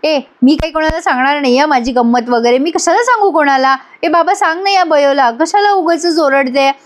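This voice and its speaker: A woman voices a jealous young woman with a high, bright pitch. She sounds huffy and dismissive, snapping at others in a retold family drama. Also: normal speed, natural voice. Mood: sulky. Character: sulky jealous young woman, sharp-tongued.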